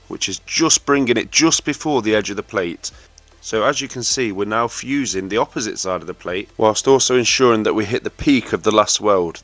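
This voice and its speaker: A lowish male voice walks viewers through each weld pass in a steady, instructive voice-over. Soft music plays quietly underneath. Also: no room sound. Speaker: welding instructor. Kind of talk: voice-over tutorial narration.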